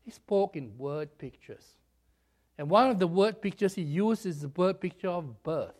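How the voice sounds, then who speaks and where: Still slightly raspy and hoarse from a cold, a man preaches a sermon in a high voice at normal speed. He's animated and chatty, cracking self-deprecating jokes and drifting into stretches of storytelling.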